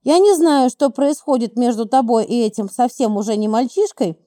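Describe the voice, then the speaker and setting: A woman's voice: a little high, normal speed, dark tone, no echo, clean studio sound, lightly acted. A woman reading as a stern, anxious mother. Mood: urgent pleading.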